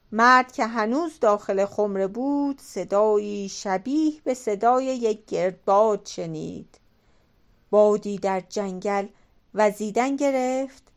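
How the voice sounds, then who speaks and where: A woman reading a folk tale aloud as an audiobook narrator, in a measured, dramatic way. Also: fairly high pitch. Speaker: audiobook reader. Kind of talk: storytelling narration.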